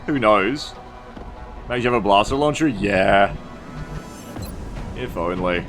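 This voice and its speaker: A man with a fairly low voice live streams a video game, speaking slowly but animatedly as he thinks aloud in a wry, rambling, sweary way. Tactical game audio and music play behind his casual commentary.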